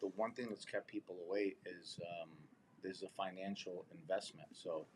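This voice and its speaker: Lower-voiced man hosting a podcast. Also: steady tone, moderate pace, a little hiss or hum. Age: over 40. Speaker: podcast host. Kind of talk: casual podcast chat.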